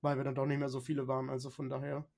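A young adult chatting casually as a podcast co-host, relaxed and rambling as they recount a party. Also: medium pitch, rapid-fire, creaky. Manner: relaxed, rambling, many fillers and restarts. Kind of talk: casual chat.

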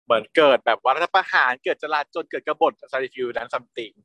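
Man with a bouncy, animated voice, teasing his co-host on a podcast, dry sound. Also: mid-range voice, a little fast, no room sound. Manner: playful and animated, teasing questions. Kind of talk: casual review chat.

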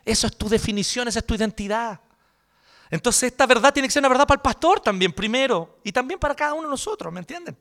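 A man with a Chilean accent, a pastor preaching a sermon in an animated, joking, colloquial way. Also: very high voice, quick pace.

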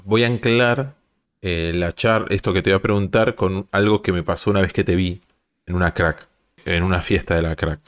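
A man's voice: sits low, steady tone, normal speed, smooth. An Argentine man hosting a casual podcast, teasing and prodding his guest with questions. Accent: Argentine Spanish. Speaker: podcast host.

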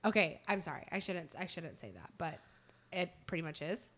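A woman's voice: lowish voice, expressive, normal speed, a bit bright. A woman co-hosting a podcast in casual, irreverent chat, speaking in a blunt, slangy, exclamatory way. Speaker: podcast co-host.

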